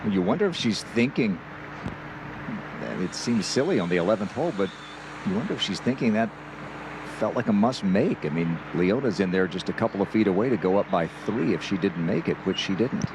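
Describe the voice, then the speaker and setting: A man's voice: on the low side, lively intonation, a little fast, noisy background. A man anchoring live golf commentary as the lead announcer.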